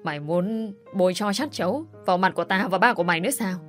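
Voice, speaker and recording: A woman's voice: medium pitch, fast, close to an everyday voice. A woman voicing a fussy middle-aged mother-in-law who scolds and exclaims, with faint music behind. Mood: scolding.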